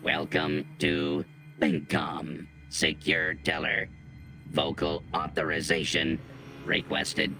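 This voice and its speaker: A man voicing a monotone bank teller computer that processes and checks voice passwords in a game. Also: extremely low pitch, slight background noise, exaggerated voice. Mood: mechanical. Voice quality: flat, slow, gravelly machine voice. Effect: computer voice processing and verifying. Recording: game audio with music behind.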